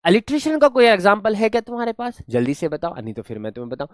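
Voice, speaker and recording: A male teacher runs a grammar lesson with a very lively, swinging pitch. He drills sounds by repeating them and keeps praising his students. His voice is recorded close and dry. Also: fast talker, dry recording.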